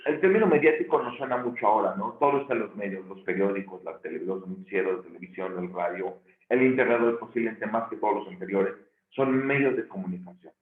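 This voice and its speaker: A man's voice: fairly low pitch, fast talker. Man lecturing in an echoey room. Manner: thinking aloud with frequent restarts and self-corrections. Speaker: theology teacher. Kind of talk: recorded video lecture. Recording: echoey room, tinny phone-like sound.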